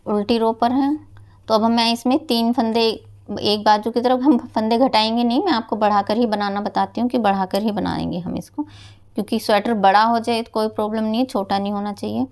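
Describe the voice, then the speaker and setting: Lady walking you through knitting a sweater step by step, bit of gravel in her voice, talks to viewers like friends. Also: on the high side, fairly even intonation, normal speed, a little mellow. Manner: patient, explains each step and counts stitches aloud; addresses viewers directly as friends. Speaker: knitting teacher. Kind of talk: step-by-step craft tutorial.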